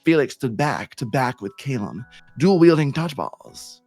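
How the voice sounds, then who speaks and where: A man streamer reading silly fan fiction aloud in a playful, animated storytelling way with sudden shouts. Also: mid-range voice, moderate pace, dry recording, faint music behind.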